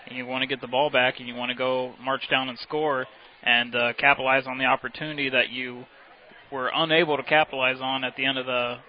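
An American man giving unscripted football analysis as color commentator, halting with many fillers. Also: medium pitch, little pitch movement. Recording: dull broadcast with clear outdoor noise.

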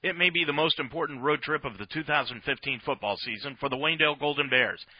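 A man's voice: a little high, fast talker, faint music behind. An American man hosting a football radio broadcast in a sportscaster's commentary style. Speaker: sports play-by-play host. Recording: slightly dull radio broadcast sound.

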